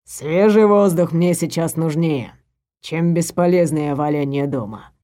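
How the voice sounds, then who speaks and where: A woman doing a slow, murmuring middle-aged man. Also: sits low, dark tone, pitched below the performer's own voice. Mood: tense hushed. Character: middle-aged stepfather, low, hushed and cautious. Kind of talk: audiobook character voice.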